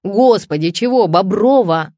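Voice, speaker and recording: A woman's voice: medium pitch, expressive, unhurried, mellow, dry recording, studio quality, natural voice. A woman reading an audiobook, voicing a frank, teasing female best friend. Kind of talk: audiobook character voice.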